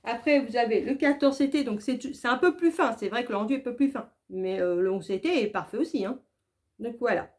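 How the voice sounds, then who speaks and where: A woman's voice: on the high side, brisk, darkish tone. A woman hosting a craft tutorial, chatty and full of hesitant fillers and restarts. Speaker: craft video host. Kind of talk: casual tutorial talk.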